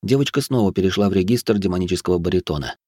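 A man narrating an audiobook in an even storytelling manner. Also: sits low, racing, breathy edge, no echo, clean studio sound. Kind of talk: scripted narration.

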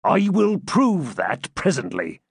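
A man's voice: fairly high pitch, wildly swooping pitch, takes it slowly, creaky, slightly rough, dry recording, studio quality, pitched above the performer's own voice, exaggerated voice. A man doing a blustering brawny friar. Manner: bluff, blustering archaic speech. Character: brawling, boastful burly male friar.

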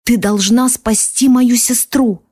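A woman voicing a feverish, dying female warrior chief who speaks slowly and insistently. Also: high voice, a little mellow, dry recording, studio quality, pitched above the performer's own voice. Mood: urgent pleading.

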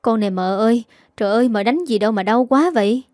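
A woman voicing a clumsy, put-upon young male servant who talks in a quick, whiny, flustered way. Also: high-pitched, a little mellow, dry recording, clean studio sound, close to an everyday voice.

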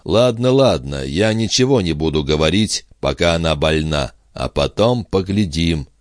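A man's voice: low voice, expressive, normal speed, no echo, studio quality. A man doing a flustered young farmhand. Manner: flustered, eager to please. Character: awkward earnest big-handed young farmhand.

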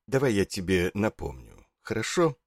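A woman's voice: extremely low pitch, very animated, normal speed, dry recording, clean studio sound, pitched below the performer's own voice, heavily acted. A woman voicing a stern middle-aged stepfather in an audiobook, firm and barking commands. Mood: tense recounting. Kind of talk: audiobook character voice.

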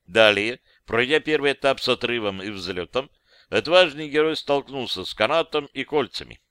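A man reads a comic fantasy novel aloud with playful, expressive timing. His voice is bright and clean. The recording is close and dry, with no room sound. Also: medium pitch, normal speed, clean tone, no echo. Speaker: audiobook narrator. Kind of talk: scripted narration.

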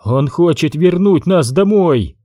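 A man voicing a crazed, vicious teenage boy who shrieks and yells in a frenzy. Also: high voice, sing-song, drawn-out words, no echo, studio quality, pitched above the performer's own voice, exaggerated voice. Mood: raving. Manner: shrieking, frantic yelling.

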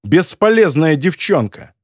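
A man's voice: fairly high pitch, sing-song, a little slow, no room sound, studio quality. A male narrator voicing a sarcastic, harsh newspaper editor who mocks and scolds. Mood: scolding. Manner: mocking, scolding.

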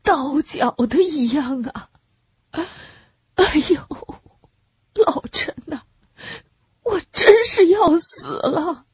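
A woman's voice: high voice, animated, creaky, no echo, pitched above the performer's own voice, heavily acted. A woman voicing a sick middle-aged male camp inmate who wails and chokes on tears as he speaks. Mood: sobbing. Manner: wailing, choked with tears, drawn-out. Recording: dull lo-fi recording.

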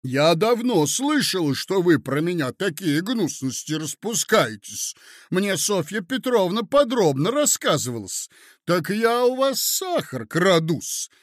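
A man doing a shrill spiteful lady. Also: sing-song, unhurried, no room sound, clean studio sound. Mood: indignant. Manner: shrieking, indignant, adds a servile '-s' to words.

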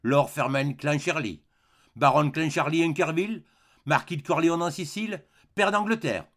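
A man's voice: on the high side, normal speed, a bit bright, lightly acted. Man reading as a stern, solemn sheriff. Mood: formal. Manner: solemn, formal, menacing address. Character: stern male sheriff pronouncing judgment.

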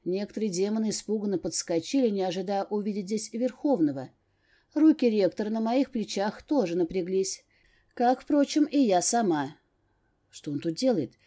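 A woman narrating a first-person fantasy novel as an audiobook, in a measured, expressive reading. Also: medium pitch.

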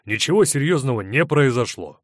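A man reading an audiobook voices a curt, impatient middle-aged businessman with clipped, sharp replies. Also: mid-range voice, animated, normal speed, dry recording, studio quality, close to an everyday voice.

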